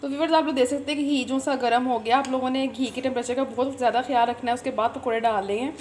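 A chatty woman talks her viewers through a recipe, filmed on a phone camera in her home kitchen. Her voice sits fairly high, and a faint hiss of noise runs under it. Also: fairly even intonation, racing, darkish tone. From Pakistan. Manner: chatty, repeats filler phrases, addresses viewers directly. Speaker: cooking channel host. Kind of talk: home cooking tutorial.

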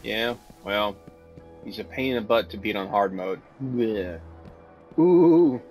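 A man giving casual, goofy commentary over his gameplay, easily distracted and quick to laugh. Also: on the low side, lively intonation, darkish tone, soft background music, rough recording. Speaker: gameplay video host.

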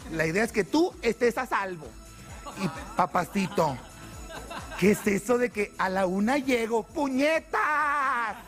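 A man's voice: high voice, expressive, normal speed, music in the background. Man putting on a scolding sarcastic wife.

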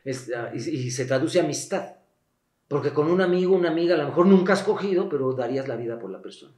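A man's voice: on the high side, expressive, quick pace, darkish tone. A man, explaining things as a guest expert in an interview, emphatic and blunt, like a teacher. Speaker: guest expert on the Bible and sexuality. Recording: echoey room.

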